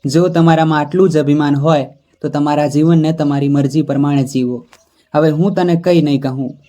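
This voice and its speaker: A man's voice: on the high side, fairly even intonation, brisk, dark tone, lightly acted. A man voicing a weary older father who speaks humbly and pleadingly. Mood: resigned.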